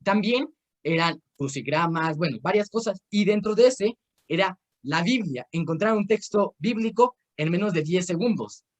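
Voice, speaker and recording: A man's voice: sits high, lively intonation, moderate pace. A young man with a Mexican accent teaching an informal Bible course over a video call. He tells personal stories and gives game instructions in a rambling way, full of fillers and restarts. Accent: Mexican Spanish.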